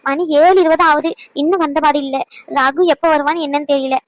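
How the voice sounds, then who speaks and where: A woman voicing an anxious young mother in a cartoon, complaining fast about her sick child. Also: sits high, steady tone, no echo, natural voice. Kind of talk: cartoon voice acting.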